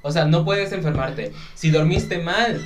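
A man's voice: on the high side, measured pace, over music. A man, co-hosting a podcast in casual chat, explaining ideas step by step and building arguments. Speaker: podcast co-host.

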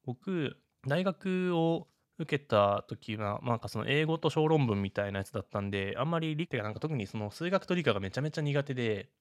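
A man hosting a casual solo podcast, talking in an animated, chatty way. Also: mid-range voice, a little fast, hardly any pauses, no room sound, studio quality. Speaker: podcast host.

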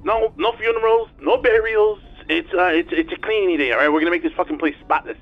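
A man's voice: high-pitched, fast talker, narrow, tinny audio, soft background music. A man playing a foul-mouthed, short-tempered boss who swears and stammers over the phone. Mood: angry, rude.

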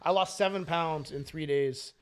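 A man co-hosting a podcast, telling a long story in casual chat, animated and rambling, swearing freely. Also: on the high side, moderate pace, crowd noise. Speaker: podcast co-host.

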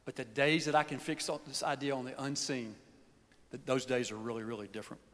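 A man's voice: mid-range voice, steady tone, a little fast, fairly bright tone. A man preaching a sermon in a folksy, earnest way that often sinks to a near whisper. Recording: long hall reverb.

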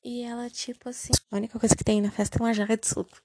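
Young woman, vlogger; sarcastic, incredulous recap delivery, mellow husky tone. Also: fairly high pitch, very fast, no echo. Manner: sarcastic, incredulous, animated retelling. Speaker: vlogger reviewing a film. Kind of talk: casual comedic recap.

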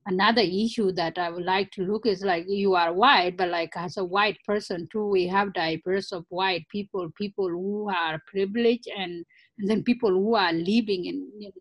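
Interview guest, woman, mid-pitched and reflective. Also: dry recording. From Africa. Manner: earnest, reflective, many "you know" fillers. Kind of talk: conversational interview.

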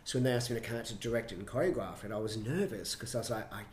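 A middle-aged man, a choreographer and director, telling stories with animated enthusiasm in an interview. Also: mid-range voice, very fast, slight background noise. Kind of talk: conversational interview. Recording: roomy echo, faint ambience.

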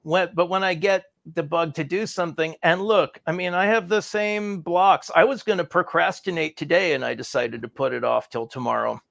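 A man speaking as an interview guest, quick and self-assured, with a dry sense of humor. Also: on the high side, steady tone, gravelly, a bit bright, no room sound. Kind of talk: conversational interview.

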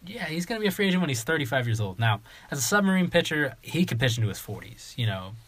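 A man co-hosting a sports podcast in casual chat, measured and explanatory with dry sarcasm. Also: on the high side, very animated, fairly bright tone. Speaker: podcast co-host.

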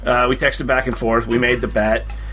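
Casual podcast co-host, man, chatty, easy laugh, mid-pitched voice. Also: flat delivery, moderate pace, bright, forceful tone. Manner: chatty, laughs easily, many fillers. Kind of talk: casual chat.

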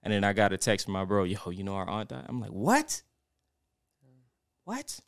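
With a low, gravelly, resonant voice that is clear and steady, a young man talks fast while co-hosting a podcast. He recounts a personal story reflectively and ramblingly, with many fillers, in clean studio sound free of room noise.

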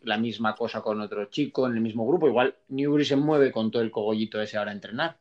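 A man's voice: mid-range voice, quick pace, a little mellow, dull audio. A man hosting a casual podcast, telling anecdotes and laughing often.

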